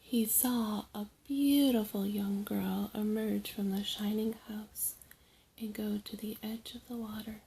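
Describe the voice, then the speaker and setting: A woman storyteller narrating a trickster folk tale in short, deliberate phrases with dramatic pauses. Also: mid-range voice, fairly even intonation, gravelly, mellow, slight background noise, low-quality recording.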